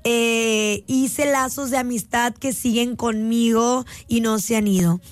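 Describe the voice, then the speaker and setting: A Mexican woman in her late twenties, a radio host with a voice on the high side, speaks to her listeners in a heartfelt, casual, reflective monologue, stretching out key words. She is recorded dry on a phone app mic.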